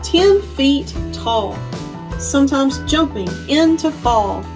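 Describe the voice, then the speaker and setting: With music playing behind her, a children's librarian leads storytime, reading a picture book aloud and explaining simply for young listeners. She has a high voice with lively intonation and a slow delivery.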